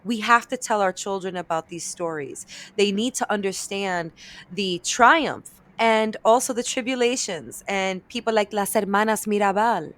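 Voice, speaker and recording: A woman's voice: medium pitch, moderate pace, a bit bright. A woman, a comedian and voice actor, chatting animatedly as a podcast guest and dropping Spanish words into her talk. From New York, of Dominican and Eastern European roots. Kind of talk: casual podcast interview.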